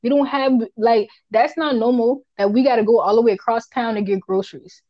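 A woman's voice: on the high side, fairly even intonation, a little fast, dry recording, lo-fi sound. A woman with a Charleston Gullah Geechee accent chats casually as a podcast co-host, emphatic, colloquial and unfiltered, often repeating herself for weight. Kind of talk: casual opinionated chat.

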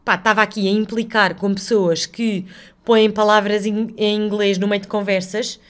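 Swearing freely and joking at her own expense, a woman with a European Portuguese accent chats and rambles through her solo podcast. Her mid-range voice is delivered flatly at a normal speed.

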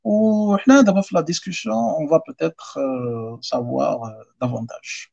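Male lecturer, Moroccan accent, rapid and slightly high husky voice, mixing in French, on a dull lo-fi online call. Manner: animated, switches often between Arabic and French. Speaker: guest speaker giving a talk on film history. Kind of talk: informal lecture and discussion.

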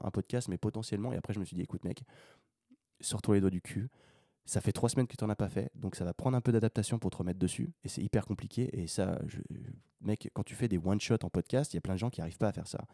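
Male podcast host, low dark voice, rambling buddy-style monologue, dry close sound. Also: dry recording. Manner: unscripted, rambling, addresses listener as a buddy, swears casually; animated rises when making a point. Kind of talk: casual solo podcast monologue.

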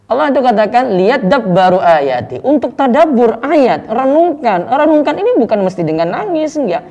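A man's voice: very high voice, sing-song, moderate pace, warm tone, big-room sound. A man, a religious teacher, answering questions casually and explaining with everyday examples. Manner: explains with everyday examples, keeps addressing the asker.

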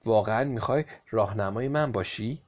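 A man voicing a menacing male devil, lord of the night, speaking in a cold, measured way in a storybook reading. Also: fairly low pitch, muffled recording, natural voice.

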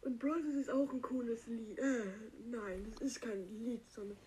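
A man voicing a dim-witted green male cactus creature, with his voice put through a voice changer, rambling and halting with many fillers. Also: extremely high pitch, darkish tone, a little hiss or hum, poor audio. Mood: goofy. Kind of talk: comic character monologue.

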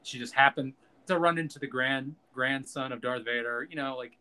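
A man's voice: mid-range voice, moderate pace, pushed and bright, clear, resonant tone. A man co-hosting a casual film chat, talking loosely and profanely and laughing at his own jokes.

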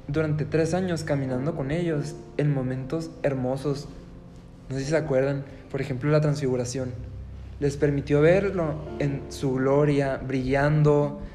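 A man's voice: medium pitch, warm tone, in a large hall. A man leading a podcast Bible reflection, talking earnestly and with feeling. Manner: earnest and emotive, acting out quotes in a trembling plea. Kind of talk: reflective religious talk.

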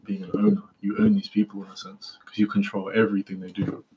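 A man's voice: fairly low pitch, monotone, fast talker, mellow, slight background noise, low-quality recording. A young man with a London roadman accent, talking casually with friends. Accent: London, urban street slang. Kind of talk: casual group chat.

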